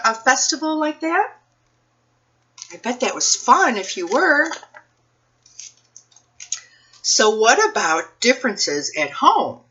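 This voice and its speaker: A female children's librarian reads a picture book aloud at storytime, pausing for asides and questions to her young listeners. Her delivery is slow, deliberately phrased and highly expressive. The recording sounds slightly muffled.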